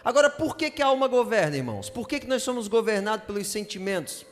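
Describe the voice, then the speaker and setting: A man pastor teaching a sermon in a church, lively and often asking the congregation to answer back. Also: sits high, fast, long reverb tail. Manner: lively, asks the congregation for replies. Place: church sanctuary.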